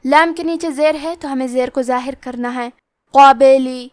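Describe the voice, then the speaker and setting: A high-voiced woman gives a tajweed lesson, calmly and plainly explaining the rules of Quran recitation. She pauses to recite each word slowly, drawing out every sound, in a dry recording with no room echo.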